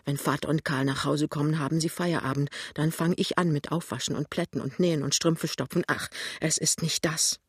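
A woman reader voicing a young, earnest shop assistant, talking in quick, pleading bursts in an audiobook. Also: low voice, fairly even intonation, breathy edge, no echo, studio quality. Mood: earnest, lively. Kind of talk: audiobook reading.

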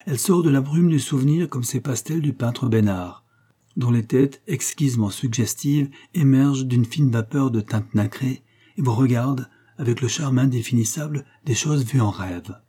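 A man reading a literary short story aloud in a measured, even storytelling manner. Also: medium pitch, breathy edge. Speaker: audiobook narrator. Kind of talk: literary audiobook narration.

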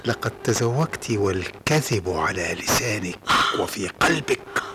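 An actor playing a cold, contemptuous man who is a devil in disguise, in a radio play, speaking in a slow, measured way. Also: lowish voice, animated. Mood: scornful. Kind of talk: radio drama acting. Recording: very noisy old radio recording.

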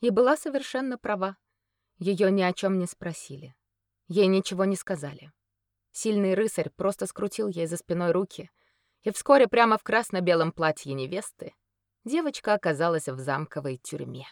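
A woman reading a fantasy story aloud in a steady, expressive audiobook narration. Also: on the low side, moderate pace, dry recording, clean studio sound.

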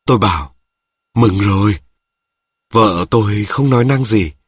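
A man reading a story aloud as narrator in a measured, plain, unadorned way. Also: lowish voice, expressive, a bit bright, breathy edge, dry recording, studio quality. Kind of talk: scripted narration.

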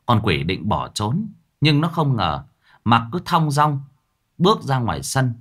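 A man narrating a ghost story in a dramatic, expressive way. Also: mid-range voice, unhurried.

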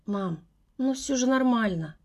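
A woman reads a young man blinded by his wounds, speaking low and unhurried. His voice stays a hushed, gentle murmur, with an edge of tension under it, in an audiobook. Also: animated. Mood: soothing. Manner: soft, low, soothing murmur.

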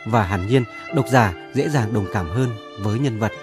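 A man, a radio program editor, giving a measured literary commentary on a short story. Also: lowish voice, over music. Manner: measured, explanatory reading.

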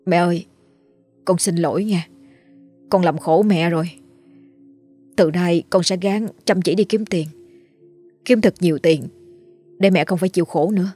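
A woman's voice: lowish voice, fairly even intonation, normal speed, pauses often, dark tone, slightly rough, soft background music. A woman voicing a devoted, frightened young peasant son who cries and pleads with his mother. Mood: tearful.

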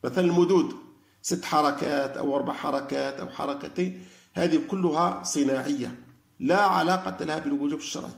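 A man giving a religious lecture, animated and arguing through rhetorical questions. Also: on the high side, quick pace, creaky, roomy sound. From Algeria. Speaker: lecturer on Quran study.

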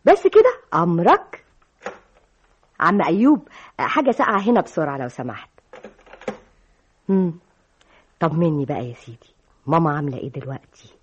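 An actress playing a polite, deferential secretary with an Egyptian accent in an old radio drama. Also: female voice, deep voice, sing-song, normal speed, long pauses, a little hiss or hum. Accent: Egyptian Arabic. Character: polite young woman secretary, eager to please. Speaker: office secretary. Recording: dull old radio recording with music.

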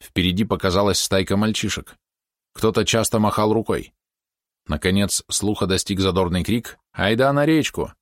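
A low-voiced male audiobook narrator tells the story at a moderate pace with a steady, even delivery. He reads with scripted care, and the sound is dry and close, with no room echo.

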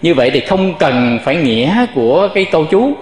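Male monk teacher, slightly high voice, patient sermon delivery, roomy echoing hall with long reverb. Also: expressive, brisk, a little mellow. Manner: explains patiently, often addressing listeners directly, demonstrates chant tones. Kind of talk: dharma talk with chanting demonstrations.

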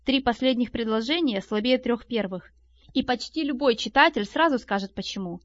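Female audiobook narrator, expressive delivery; muffled, dry, lo-fi recording. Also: on the high side, moderate pace, no room sound. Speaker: audiobook reader. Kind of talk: audiobook narration of a nonfiction book. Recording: dull, lo-fi and dry.

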